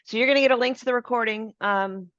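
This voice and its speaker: A woman co-hosting a business webinar, walking through software features step by step in a friendly, informal way over a video call. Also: fairly high pitch, fast talker, no echo, dull audio. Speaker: webinar co-presenter.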